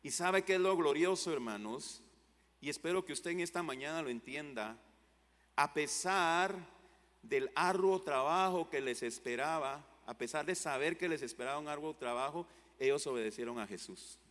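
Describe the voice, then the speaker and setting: A male pastor preaching a sermon, with fervent rises to loud exclamations and drops to low, quiet lines. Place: church hall. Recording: long church hall reverb.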